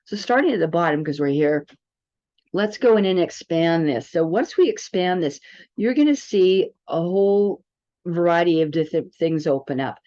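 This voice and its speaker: A woman presents a wellness app in a casual product tutorial, chatting informally and rambling a bit. Her fairly low voice is mellow and expressive at a normal speed, captured in dull, lo-fi audio.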